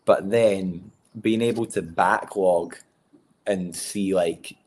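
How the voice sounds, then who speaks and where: A man's voice: sits low, steady tone, slow, a little mellow. A man with a posh Scottish accent chatting casually in an interview, jokey and self-deprecating. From Largs, Scotland. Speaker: wrestler being interviewed. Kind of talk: casual chat.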